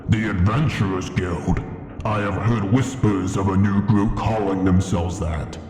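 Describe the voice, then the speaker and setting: A man voices an ancient, proud dragon in his cavern lair, speaking in a deep, steady, slightly mellow voice that is slow, imperious and formal, each word deliberate, with a grave, probing mood. This immersive fantasy ASMR roleplay is drenched in long cavernous reverb, with music playing behind.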